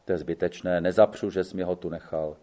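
A man's voice: low-pitched, fairly even intonation, dark tone, voice pushed down, natural voice. A man reading the part of a stubborn lone schoolteacher in an audiobook, answering curtly and dryly. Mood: firm. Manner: curt, dry. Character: stubborn solitary male schoolteacher, curt.

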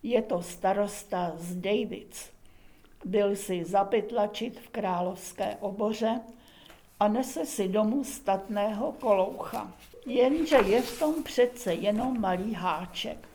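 A woman narrating a humorous folk tale in a lively, expressive reading with dramatic pauses. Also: mid-range voice. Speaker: storyteller.

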